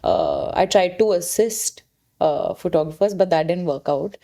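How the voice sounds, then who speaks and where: A photographer being interviewed, a woman with an Indian accent, talks casually and informally, slipping in the odd Hindi word. Her voice is fairly low, gravelly, and warm, very animated though a little slow.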